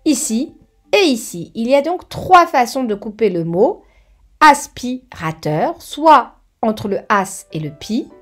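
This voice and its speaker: A woman giving a children's grammar lesson, speaking slowly and clearly, breaking words into syllables and asking the viewer questions. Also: fairly high pitch, animated. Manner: slow and clearly articulated, syllable by syllable; addresses the viewer warmly with questions. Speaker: teacher. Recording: soft background music.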